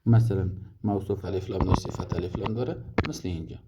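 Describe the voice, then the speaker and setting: A man teaching Arabic grammar step by step, working through many examples and restarting often. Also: low voice. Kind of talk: recorded grammar lesson summary. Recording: dull lo-fi audio with clear noise.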